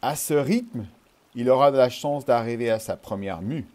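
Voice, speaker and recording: Man playing an irritable old snake, complains and lectures, storybook, dark tone. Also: medium pitch, normal speed, close to an everyday voice. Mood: disapproving.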